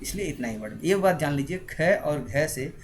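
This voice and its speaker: A man's voice: on the high side, lively intonation, normal speed, crowd noise. Hindi-speaking man spelling words aloud. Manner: asks frequent checking questions. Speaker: teacher. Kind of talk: spoken spelling lesson.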